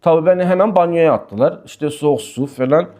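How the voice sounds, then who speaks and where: Man, Sufi sheikh, religious talk, slightly high voice, animated storyteller, reads aloud and explains. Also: fairly quick. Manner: lively storytelling, pitch rising and falling sharply; reads passages aloud then explains them plainly. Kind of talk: religious talk with personal anecdotes and text commentary.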